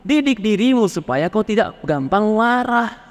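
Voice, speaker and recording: Male preacher, fairly high voice, animated delivery, long reverb of a hall. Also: normal speed. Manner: lively, acts out questioners from the congregation. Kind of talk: Islamic sermon on marriage.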